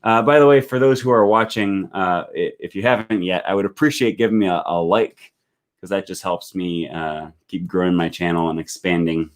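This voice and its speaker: In a low-pitched voice at normal speed, an American man running a language-learning live stream goes through viewer comments, thinking out loud and frequently restarting or filling pauses.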